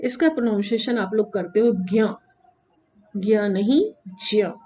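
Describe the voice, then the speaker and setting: A woman teacher explaining letters in a classroom lesson, asking the children questions and answering them herself, drawing sounds out slowly to demonstrate them. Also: mid-range voice, animated, dark tone, a little hiss or hum. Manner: slow, drawn-out demonstration of sounds; addresses children, asks and answers own questions. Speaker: Sanskrit teacher.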